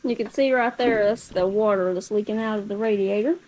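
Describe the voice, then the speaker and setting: A woman's voice: medium pitch, brisk, darkish tone. A woman co-hosting a shop vlog, plainly explaining things to viewers. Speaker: co-host. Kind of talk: casual shop vlog talk. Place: auto shop garage.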